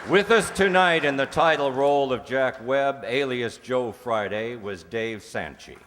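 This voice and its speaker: Serving as a troupe announcer and master of ceremonies, a man with an unhurried, mid-range, fairly bright voice delivers theatrical, jocular curtain-call introductions to a live audience. The hall is echoey, with a faint but noisy crowd audible.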